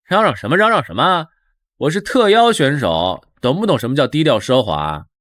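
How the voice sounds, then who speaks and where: A man's voice: mid-range voice, big pitch swings, normal speed, fairly bright tone, dry recording, clean studio sound. A man voicing a laid-back young mechanic with a casual, unbothered manner, the lead of a motion comic. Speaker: lead character.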